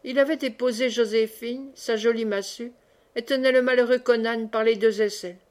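A woman reading a novel aloud in steady, clear narration. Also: fairly high pitch, moderate pace. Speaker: audiobook reader. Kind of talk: scripted narration.

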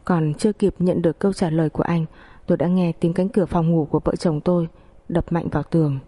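A woman narrating a first-person family story in a steady, melancholy reading voice. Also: lowish voice, quick pace, no echo.

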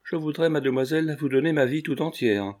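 A man's voice: medium pitch, lively intonation, normal speed, darkish tone, lightly acted. A man reading aloud and voicing an earnest, romantic young painter who speaks firmly. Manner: firm, earnest.

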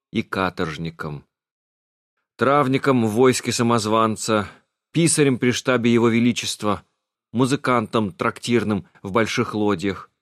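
A man's voice: mid-range voice, dry recording, studio quality, lightly acted. A man reading an audiobook, voicing a world-weary grown man who speaks tersely. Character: weary grown man, wanderer and healer, gruff.

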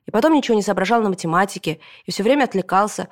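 A woman narrating a children's book in the first person as a boy, with lively storytelling. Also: medium pitch, very fast. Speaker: audiobook narrator.

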